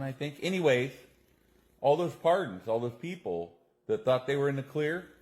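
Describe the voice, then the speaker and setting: A man hosting a casual news commentary vlog, slangy and excitable. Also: mid-range voice. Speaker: channel host.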